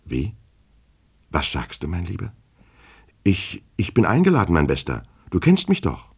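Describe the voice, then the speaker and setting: A man's voice: deep voice, wildly swooping pitch, unhurried, husky, voice pushed up, heavily acted. A man reading the part of a pompous, touchy male official who speaks in stiff, self-important phrases. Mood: flustered pleading.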